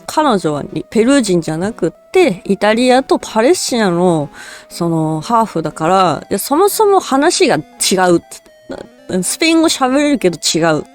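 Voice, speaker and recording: A woman's voice: medium pitch, big pitch swings, moderate pace, faint music behind. Rambling woman telling a true story. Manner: rambling, casual, chuckles often, many fillers. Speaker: virtual cat-spirit storyteller. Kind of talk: relaxed true-story narration.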